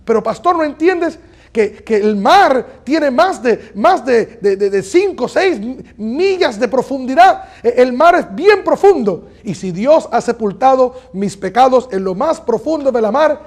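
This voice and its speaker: A preacher voicing an excited young man who stammers as he talks. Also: very high voice, unhurried, full character voice. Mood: eager. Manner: breathless, stammering, exclaiming.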